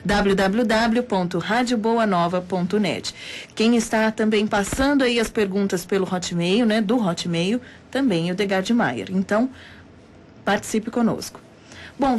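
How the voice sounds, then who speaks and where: A Brazilian woman hosts a live radio talk show in an announcer's manner. Her voice sits at a middling pitch. Faint ambience hangs behind her in the studio. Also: a little mellow, a little hiss or hum. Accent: Brazilian Portuguese. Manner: announcer-like, reads phone numbers and email slowly. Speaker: radio host. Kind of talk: live radio interview hosting.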